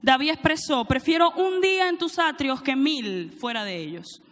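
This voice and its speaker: High-voiced woman preaching in a reverberant church. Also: animated, moderate pace, a bit bright. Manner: reads scripture aloud, prompts congregation to answer. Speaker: preacher, church teaching director. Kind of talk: sermon.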